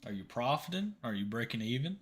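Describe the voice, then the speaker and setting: A man's voice: mid-range voice, very animated, fast, slightly rough. A man in his mid twenties hosting a casual live stream, chatting easily and tossing questions to viewers. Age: 20s. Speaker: livestream host.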